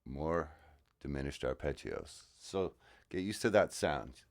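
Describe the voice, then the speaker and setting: Deep-voiced male guitarist, casual explanatory commentary, music underneath. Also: expressive, a little slow. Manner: explanatory, thoughtful, with frequent uh fillers. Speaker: guitarist reacting to a song. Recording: music playing in the background.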